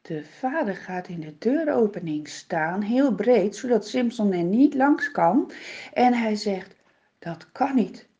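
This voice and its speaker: A woman's voice: medium pitch, lively intonation, takes it slowly, warm tone. A woman telling a Bible story for children in a dramatic, vivid way, repeating words for effect. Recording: dull lo-fi recording.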